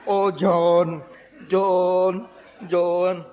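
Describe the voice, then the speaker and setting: A man's voice: medium pitch, fast, lo-fi sound, slight background noise, natural voice. A man voicing a grieving young widow who wails and pleads for her late husband in a sermon story. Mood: wailing. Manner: wailing, pleading, then brusque and slangy.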